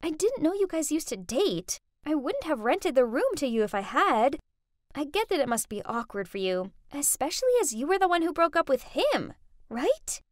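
A friendly, frank young woman, as a woman narrator puts her on in an animated story, chatting in a lively, high voice. The sound is close and dry. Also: normal speed, dry recording. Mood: chatty.

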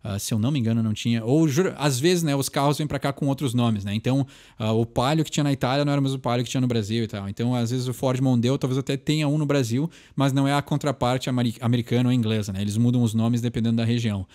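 A young man with a Brazilian Portuguese accent explaining song lyrics in a casual way, often ending sentences with a tag question and slowing down to read lines aloud. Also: mid-range voice, fairly even intonation, a little mellow.

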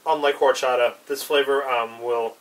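Recorded on a distant mic with clear background noise, a young adult man chats casually in an unscripted review. His mid-range voice has fairly even intonation and a moderate pace, and he's laid-back, a bit hesitant and trailing off. The setting is a small, cluttered indoor room with a brick wall.

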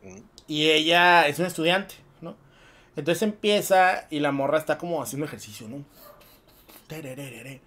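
A man's voice: fairly high pitch, normal speed. Slangy Mexican man telling a story. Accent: Mexican Spanish. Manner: slangy, profane, animated storytelling. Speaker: podcast co-host. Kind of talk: casual film podcast chat.

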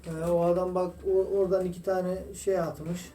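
A man's voice: sits high, flat delivery, moderate pace, dark tone. A man walking viewers through a guitar repair in a casual tutorial while he works, often addressing them as friends. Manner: explains while working, keeps calling viewers "friends". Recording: echoey room, distant mic, noisy.

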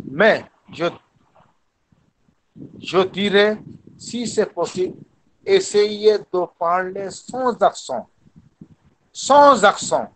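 Slow, high-voiced man lecturing in French. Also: a little hiss or hum, low-quality recording. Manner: slow and deliberate, repeats himself, animated playful asides. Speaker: guest lecturer in a French teaching webinar. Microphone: video call.

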